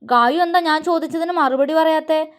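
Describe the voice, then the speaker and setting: A sulky, clingy grown man who talks like a small child, pouting and insisting over and over, as a woman storyteller puts him on. The voice sits high and pushes each demand. It is from a spoken storybook. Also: lively intonation, normal speed, a bit bright. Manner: pouting, insistent, repeats himself.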